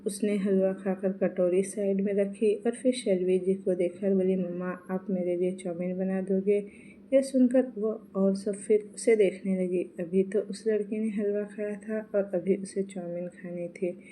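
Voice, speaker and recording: Woman storyteller, mellow, deep-toned, steady expressive reading. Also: measured pace, few pauses, slight background noise, rough recording. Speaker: narrator. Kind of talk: storybook narration of a romance novel.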